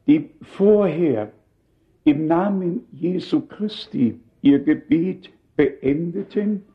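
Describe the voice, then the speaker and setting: Older man, sermon, high voice, unhurried, emphatic preaching, muffled lo-fi sound. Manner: earnest, emphatic preaching with asides to the congregation.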